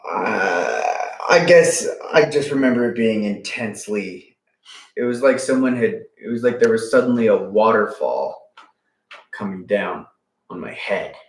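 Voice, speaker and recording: A man co-hosting a casual book discussion who talks haltingly, searches for his words and swears. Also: fairly low pitch, animated, reverberant. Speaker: podcast co-host.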